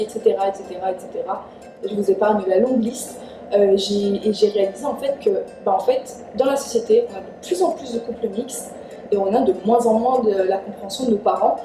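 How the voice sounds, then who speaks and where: Mellow-voiced Iranian-born woman, echoey room. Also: medium pitch. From Iran. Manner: earnest, chatty, frequent "en fait". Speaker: vlogger. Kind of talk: casual advice vlog. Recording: echoey room, distant mic, faint music.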